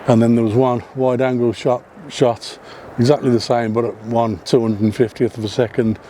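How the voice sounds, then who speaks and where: A non-Welsh man walks a hillside path above a seaside town, narrating a casual photography vlog. His mid-range voice is mellow, with little pitch movement and a moderate pace; he says um a lot and corrects himself. A little hiss or hum is present.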